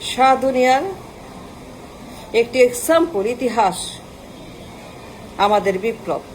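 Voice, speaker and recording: A woman's voice: fairly high pitch, a little hiss or hum, poor audio. A woman giving an impassioned political rant, firing off long lists of insults and mixing in English words. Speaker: political commentator.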